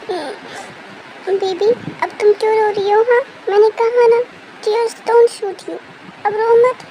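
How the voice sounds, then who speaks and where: A woman's voice: extremely high pitch, fairly even intonation, slow, mellow, a little hiss or hum, low-quality recording. A woman playing a caring, firm motherly aunty. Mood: soothing. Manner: soothing, coaxing, firm.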